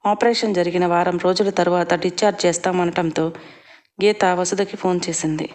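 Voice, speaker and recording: A woman reading a family story aloud in a steady, scripted storytelling way. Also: on the low side, normal speed. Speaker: narrator.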